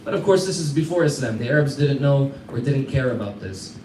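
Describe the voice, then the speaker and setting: A man's voice: medium pitch, lively intonation, fairly quick, dark tone. An American man giving a storytelling lesson to a class, talking conversationally, quizzing his listeners and chuckling through anecdotes. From United States. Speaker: teacher. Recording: echoey room, mic far off, faint background hum.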